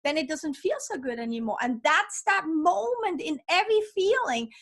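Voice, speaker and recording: A woman's voice: sits high, expressive, moderate pace, fairly bright tone. A woman author, not a native English speaker, talking with upbeat enthusiasm as a podcast guest. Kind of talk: casual interview chat.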